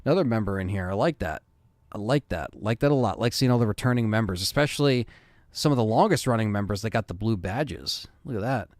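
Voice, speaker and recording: A man's voice: fairly low pitch, animated, fast, darkish tone, no echo, clean studio sound. A man in his thirties hosting a live stream, chatting casually and reading viewer comments with loose fillers. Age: 30s.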